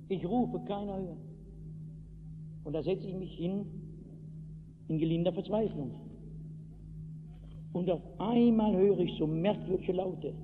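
Tinny old recording of a high-voiced German preacher. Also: male voice. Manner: storytelling preacher, shouts out acted calls. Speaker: pastor. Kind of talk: evangelistic sermon. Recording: tinny lo-fi hall recording with hiss.

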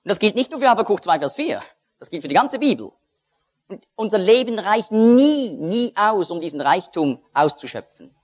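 A man leads a Bible study lecture, walking his listeners through a handout. His voice is high and husky, and his pitch rises and falls a great deal. He comes back to a key verse again and again and asks his listeners questions. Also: big pitch swings, normal speed. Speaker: Bible teacher.

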